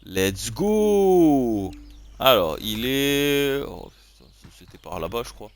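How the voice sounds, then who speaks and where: A French man commentating his farming game, animated and jokey, swinging between low muttering and excited yelps. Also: slow pace. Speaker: gaming YouTuber. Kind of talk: let's play commentary.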